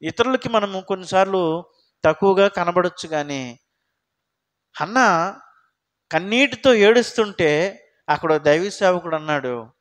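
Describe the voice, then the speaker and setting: High-voiced man preaching a sermon. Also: lively intonation, measured pace, pauses often, a bit bright. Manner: conversational preaching, asking the congregation questions. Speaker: pastor.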